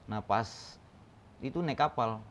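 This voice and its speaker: A man's voice: mid-range voice, unhurried, lo-fi sound. A young man from the Kei Islands, a dog trainer and guest, telling stories in casual chat and acting out the voices and calls. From Kei Islands, eastern Indonesia. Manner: animated, acts out quotes and calls.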